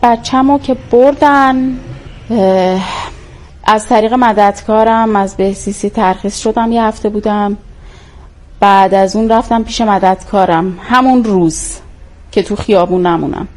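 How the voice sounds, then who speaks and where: Woman, personal testimony, halting, hesitant, mid-pitched voice. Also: a little mellow. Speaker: interviewee telling her own story.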